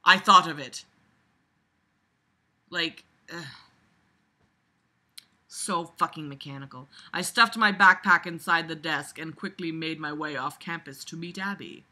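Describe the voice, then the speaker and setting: A person reviews a book by reading it aloud, pausing to add casual running commentary that's sarcastic, blunt, profane and emphatic. The medium-pitched voice is unhurried with long pauses, yet animated, jumping between muttering and loud outbursts.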